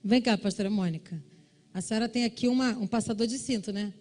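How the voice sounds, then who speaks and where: During a church service, a woman pastor from Brazil preaches a sermon, talking fast as she tells a family story. She acts out the shouting relatives in a high voice.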